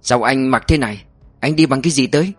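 A man's voice: mid-range voice, brisk, dry recording, soft background music, close to an everyday voice. A man voicing a jovial older male chief prosecutor who jokes and banters heartily. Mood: hearty. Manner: hearty, joking.

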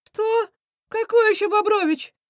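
Woman voicing Krysion, a squeaky jittery rat. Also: moderate pace, no room sound, studio quality, natural voice. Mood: shrieking. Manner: nervous, excitable, shrieking. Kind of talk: audiobook character voice.

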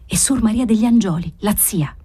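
A woman's voice: mid-range voice, a little fast, dark tone, slightly rough, voice pushed up. A woman reading an audiobook, voicing a worried old servant woman who speaks anxiously and pleadingly.

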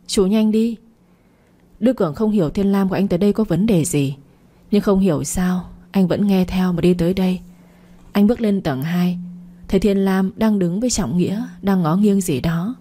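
A woman narrating a story in a steady, even manner. Her voice sits low and sounds dark and mellow.

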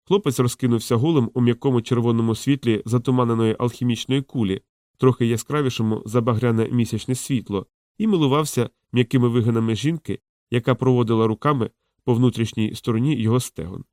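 A man narrating a fantasy audiobook in an even, measured reading. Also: medium pitch, no room sound, studio quality. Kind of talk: scripted narration.

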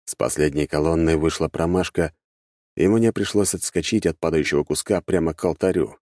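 A man narrating a first-person fantasy audiobook in a measured, wry manner. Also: rumbling low, fairly even intonation, darkish tone, no echo. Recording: dry close studio sound.

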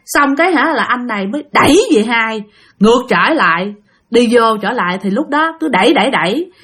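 A woman with a high voice tells a ghost story. She chats directly with her listeners and repeats words for effect. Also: lively intonation, a little fast, fairly bright tone, breathy edge. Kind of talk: spoken ghost-story narration.

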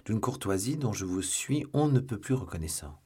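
Brief: man reading eager young duelist, courteous but bold, husky low voice, audiobook. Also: very animated, moderate pace, warm tone, heavily acted. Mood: earnest, polite.

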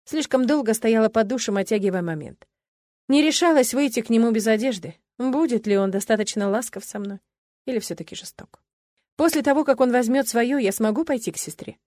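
A woman's voice: fairly high pitch, brisk, darkish tone, no echo. Female audiobook narrator, first-person, intimate delivery, dry close-mic sound. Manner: intimate, emotional storytelling.

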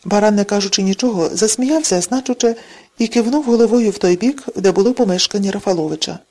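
A woman reads a classic novel aloud as a narrator. Her delivery is even and measured, at a middle pitch that is ordinary for her sex. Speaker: audiobook narrator. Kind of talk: scripted narration.

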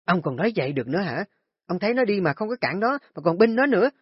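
A man's voice: sits high, sing-song, fast, husky, dry recording, voice pushed up, full character voice. A man voicing a hysterical, stubborn older mother who shrieks and wails. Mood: furious. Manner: shrieking, screaming complaints. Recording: dry, dull lo-fi recording.

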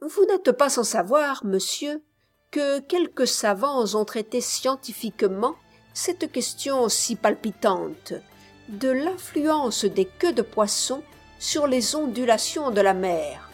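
A woman's voice: on the high side, expressive, slow, soft background music. A woman voicing a wry, polite young man. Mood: ironic. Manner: ironic, polite.

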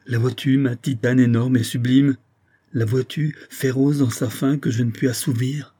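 Guy doing an obsessed botanist, feverish and proud, dark husky voice that swells into cries, audiobook style. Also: mid-range voice, steady tone, moderate pace, lightly acted. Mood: feverish pride. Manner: exalted, declamatory, rising to cries. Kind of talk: dramatic audiobook reading.

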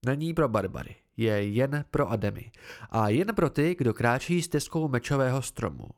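A man's voice: medium pitch, lively intonation, voice pushed down, lightly acted. A man voicing a stern, confident woman who teaches swordcraft, blunt and instructive in an amateur audiobook reading.

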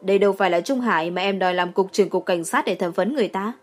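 A woman voicing a calm young man who teases dryly, in an audiobook. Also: medium pitch, racing, soft background music, natural voice. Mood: wry.

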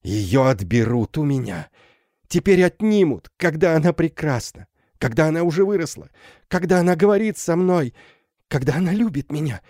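Guy doing a frantic old hermit mom, wild and teary, pitched way up, mellow tone, dry sound. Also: expressive, unhurried, dry recording. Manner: wild, tearful, swinging between joy and terror. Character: frantic older woman, a half-mad recluse mother. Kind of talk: audiobook character voice.

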